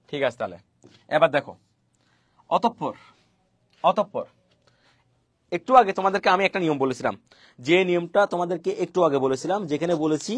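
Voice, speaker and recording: A man's voice: fairly high pitch, dry recording. A man teaching pronunciation rules, repeating each point and quizzing his students. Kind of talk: fast spoken online lesson on pronunciation rules.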